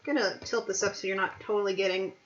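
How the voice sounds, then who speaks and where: A woman hosting a casual cooking stream, chatty and playful, sounding a little low on energy. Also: fairly even intonation, fast talker, background noise. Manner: chatty, playful, laughs often. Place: home kitchen. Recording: echoey dull home recording.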